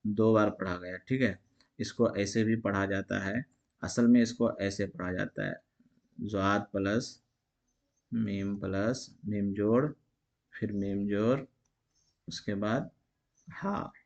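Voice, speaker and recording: A man's voice: lowish voice, steady tone, slow, creaky, pauses often, darkish tone, highs cut off. A man teaching an exam-prep grammar lesson, asking each question aloud and answering it himself in a repetitive call-and-response way.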